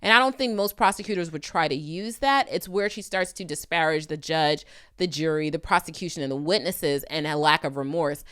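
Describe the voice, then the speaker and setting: A woman with a low-pitched, clear, resonant voice that is a bit bright talks a little fast. She hosts a video channel of legal commentary, addressing the viewer directly in a conversational, emphatic, opinionated way.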